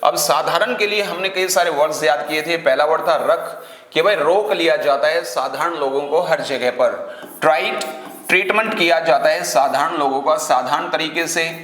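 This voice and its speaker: A man's voice: a little high, moderate pace, fairly bright tone, roomy sound. A man teaching English vocabulary to exam students, explaining words through memory tricks and asking questions he then answers himself. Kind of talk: online class teaching.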